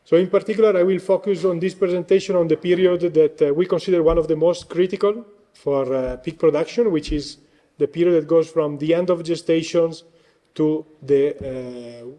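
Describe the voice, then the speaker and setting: A man whose first language is Italian gives a conference presentation as a guest speaker while losing his voice, sounding hesitant and using frequent fillers. His voice is a little high with a dark tone, at normal speed.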